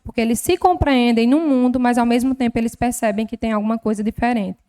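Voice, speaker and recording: A health professional with a Northeastern Brazilian accent gives a lecture at a formal council session in a legislative chamber. Her voice is on the high side, fast, dark and clean in tone. She teaches patiently and didactically, leaning on many examples and diminutives.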